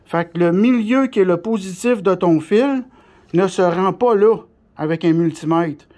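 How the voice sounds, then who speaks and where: With a high, measured, slightly mellow voice, a CB radio shop specialist gives a casual hands-on product tutorial. He speaks with a Québécois French accent in blunt, colloquial, somewhat crude language, without a script.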